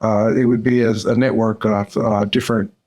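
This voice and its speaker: An older man from Central Arkansas, a dental surgeon answering podcast interview questions in an unhurried way, with frequent "uh" fillers. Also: on the low side, little pitch movement, darkish tone. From Central Arkansas, USA. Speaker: dental surgeon and course mentor.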